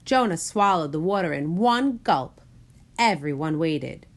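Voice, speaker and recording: A woman reads a children's picture book aloud with a low-sitting voice, telling the story in an expressive, deliberate way.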